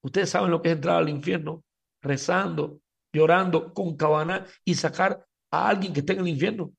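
A man's voice: fairly high pitch, normal speed, vocal fry, slightly rough. A man giving a Talmud class lecture as a religious teacher, emphatic, speaking straight to his listeners and often stumbling over repeated words.

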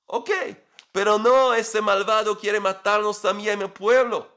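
A man's voice: high-pitched, steady tone, a little slow, pushed and bright, voice pushed up, exaggerated voice. A man voicing a young queen who pleads her case earnestly to the king, in a storytelling lesson. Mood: urgent plea.

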